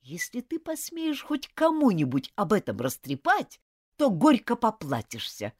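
A woman's voice: medium pitch, wildly swooping pitch, normal speed, dry recording, studio quality, pitched above the performer's own voice. A woman reading an audiobook, voicing a proud, hot-tempered schoolboy who talks in an indignant, clipped, scornful way. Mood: threatening.

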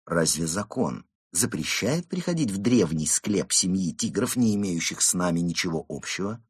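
A man's voice: deep voice, expressive, moderate pace, slightly rough, dry recording, clean studio sound, full character voice. A man voicing a cheeky male tomcat suspect who argues in a glib, mock-innocent way.

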